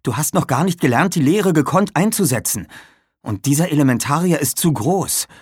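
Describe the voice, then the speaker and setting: Sharp girl mage, played by a male narrator; high, strained, husky, lively. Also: normal speed, no room sound, studio quality, full character voice. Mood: tense. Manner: tense and sharp.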